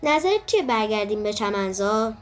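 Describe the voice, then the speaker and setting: A woman voicing a kind, patient father rabbit who talks in a gentle, reassuring way. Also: medium pitch, big pitch swings, soft background music, voice pushed down, lightly acted.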